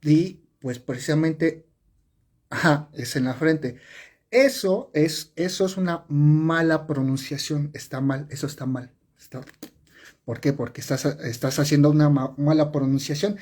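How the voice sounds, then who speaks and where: A man's voice: on the high side, unhurried, a little mellow. A man teaching sign language on a live stream, explaining step by step, repeating and correcting himself with many fillers. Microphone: phone or webcam on a live stream.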